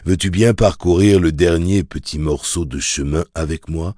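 A man's voice: normal speed, mellow, no echo, studio quality. A man doing a weary old gunslinger. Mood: sorrowful. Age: older. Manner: low, heavy, mournful.

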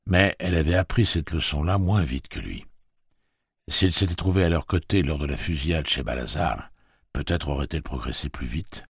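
Extremely deep, husky male narrator. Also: moderate pace, no echo, clean studio sound. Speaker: audiobook narrator. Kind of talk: scripted narration.

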